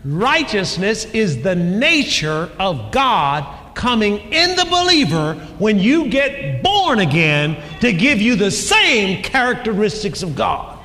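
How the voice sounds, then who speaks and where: Animated high-pitched shouting preacher, echoing hall. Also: male voice, slow, hardly any pauses. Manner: calls out to the congregation, shouting emphasis. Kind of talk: sermon. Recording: long hall reverb, faint ambience.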